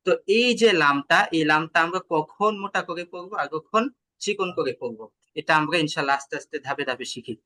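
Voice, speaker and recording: A man teaching tajweed in an online class with a Bangladeshi Bengali accent, explaining patiently, asking questions and chanting examples slowly. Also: on the high side, sharp tone. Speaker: Quran recitation teacher.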